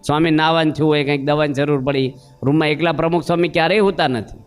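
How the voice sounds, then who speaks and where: A man's voice: a little high, steady tone, fast talker, clear, resonant tone, faint music behind. A man preaching a sermon, telling homely stories and questioning his listeners. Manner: storytelling with acted voices and questions to listeners.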